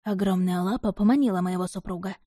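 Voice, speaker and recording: A woman narrating a first-person audiobook in an even, measured storytelling manner. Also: mid-range voice, dry recording, clean studio sound.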